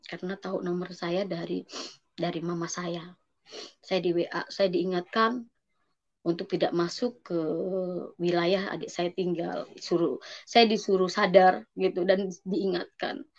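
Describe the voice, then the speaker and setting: A woman giving an emotional, earnest personal faith testimony, talking in a hesitant, halting way with many pauses. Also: on the low side, creaky. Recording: dull lo-fi sound.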